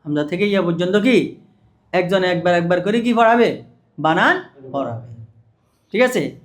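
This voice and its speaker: In an animated lecture on teaching Quran reading, a high-pitched man repeatedly asks questions and then answers them himself. He slows down to drill the syllables one at a time.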